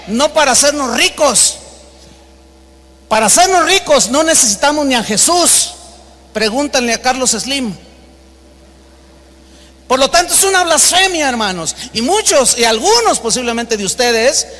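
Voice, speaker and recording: A man's voice: extremely high pitch, pushed and bright. A Mexican man preaching a sermon as pastor, speaking emphatically and acting out quoted people in a raised voice. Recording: long reverb of a large hall.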